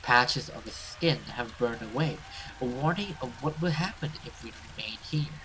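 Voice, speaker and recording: Playing through a horror visual novel, this gamer narrates the story dramatically at a moderate pace, his mid-range voice fairly bright, with offhand curses sprinkled in. There's a little hiss or hum, and the recording quality is poor.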